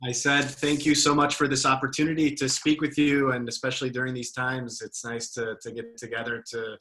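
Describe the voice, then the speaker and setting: A man's voice: mid-range voice, little pitch movement, a little fast, sharp tone, rough recording. A young man from the United States sharing a personal account in a casual, hesitant way. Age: young adult. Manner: hesitant, many fillers and restarts. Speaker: guest speaker.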